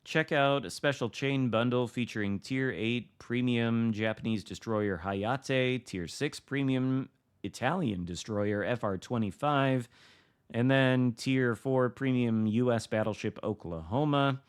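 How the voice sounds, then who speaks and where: A man's voice: mid-range voice, unhurried, smooth. A man reading video game patch notes aloud, breaking off into casual, wry, offhand asides. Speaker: gaming content creator reading patch notes.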